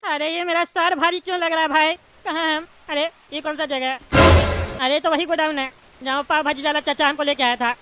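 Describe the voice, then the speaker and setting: A woman's voice: high voice, steady tone, brisk, loud music behind the voice, close to an everyday voice. Woman voicing a dazed bald cartoon politician. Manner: confused, dazed. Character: groggy bald male politician.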